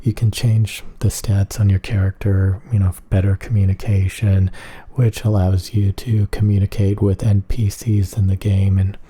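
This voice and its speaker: A man rambling in a flat, emotionless monotone for an ASMR video, with a husky voice. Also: fairly low pitch, moderate pace.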